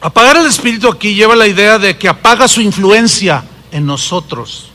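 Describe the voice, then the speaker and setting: High, bright-voiced Mexican preacher. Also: male voice, brisk, in a large hall. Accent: Mexican Spanish. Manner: animated preaching, dramatic shifts between loud and hushed. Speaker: pastor. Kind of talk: sermon.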